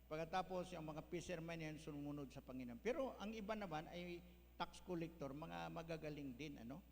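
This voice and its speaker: A man's voice: on the high side, moderate pace, creaky. A male pastor, preaching a folksy sermon that mixes in English words. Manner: folksy, mixes English, tags lines with "ano?". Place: church hall. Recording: echoey church hall, faint hum.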